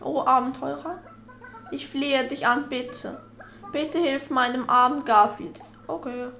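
A woman reading the part of a worried village mother in a game, soft and pleading. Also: high-pitched, steady tone, takes it slowly, vocal fry, slight background noise, pitched above the performer's own voice, full character voice.

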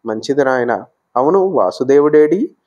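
A man voicing a gracious aged warrior grandsire who speaks gently and with praise. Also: mid-range voice, animated, a little slow, dull audio.

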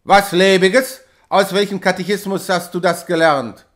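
A man voicing a stern dike reeve who shouts commands in anger. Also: fairly high pitch, unhurried. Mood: angry.

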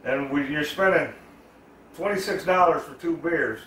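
A man's voice: a little high, normal speed, fairly bright tone, slight background noise. A man telling a rambling, profanity-filled story in a casual style while he cooks at home. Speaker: cooking vlogger. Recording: echoey room, voice far from the mic.

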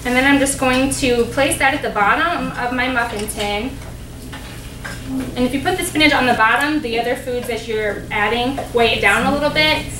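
A woman's voice: a little high, normal speed, recorded from a distance. Young woman explaining a recipe from across a roomy kitchen. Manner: friendly, explanatory, many ums and uhs. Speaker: dietetic intern doing a cooking demo. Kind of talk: cooking demonstration. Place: large demonstration kitchen, indoors. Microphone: distant camera mic. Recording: roomy kitchen sound from afar, background noise.

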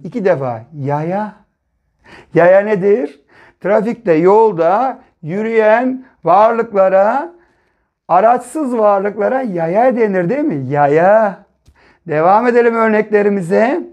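A man teaching a reading lesson to young children, sounding out syllables slowly, blending them into words and checking understanding with gentle questions. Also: high-pitched, highs cut off. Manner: gentle, patient, ends points with a checking question. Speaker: primary school teacher.

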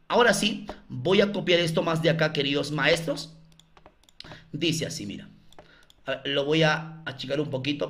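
A man's voice: fairly high pitch, a bit bright. A Peruvian man tutoring math in a live online class, coaxing viewers with repeated questions to the chat.

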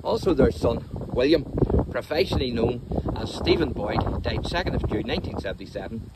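A man's voice: mid-range voice, expressive, a little fast. A man, hosting a church history video and informatively explaining local history as he walks through a large cemetery. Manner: informative, storytelling, explains terms as he goes. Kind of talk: walking tour narration. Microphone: phone camera held while walking. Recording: wind and outdoor noise.

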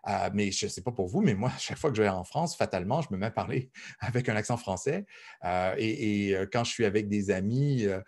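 A man gives a recorded university lecture in a conversational, think-aloud style full of fillers and repeated words. His voice is on the low side and darkish in tone, brisk, with lively intonation.

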